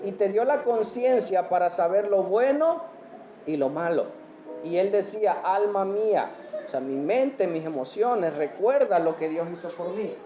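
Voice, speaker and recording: In an echoey church hall with soft music behind him, a pastor delivers his sermon in a high yet dark-toned voice, expressive and a little slow. He puts questions to the congregation and caps each point with amen.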